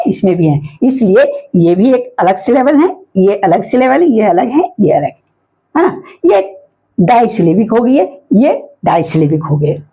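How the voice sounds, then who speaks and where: Husky-voiced woman teaching phonics patiently. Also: fairly high pitch, warm tone, poor audio. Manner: patient, repetitive explaining with frequent "है ना" checks; sounds out words slowly letter by letter. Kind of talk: phonics lesson explaining syllables.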